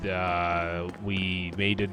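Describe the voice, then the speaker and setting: Slangy man streaming, fairly low voice. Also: flat delivery, very slow. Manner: slangy, rambling. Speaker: game streamer. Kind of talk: casual live let's play commentary.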